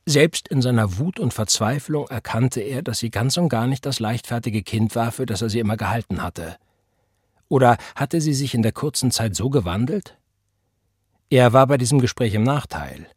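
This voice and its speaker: A man narrating a novel in a measured, serious storytelling way. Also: mid-range voice, animated, darkish tone, husky, no echo, clean studio sound. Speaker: audiobook narrator. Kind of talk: scripted narration.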